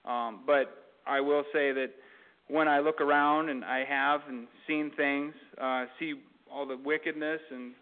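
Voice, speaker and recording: A man's voice: mid-range voice, steady tone, a little slow. A man preaching a sermon in an easygoing, conversational way, with fillers and side stories. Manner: conversational, rambling with fillers and asides. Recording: tinny phone-like lo-fi recording.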